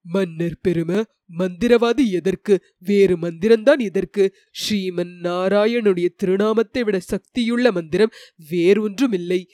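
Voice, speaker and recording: A woman voicing a loyal, devout male chief minister in an audiobook of a historical novel, steady and reverent. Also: mid-range voice, a little slow, no room sound, clean studio sound, pitched below the performer's own voice, natural voice.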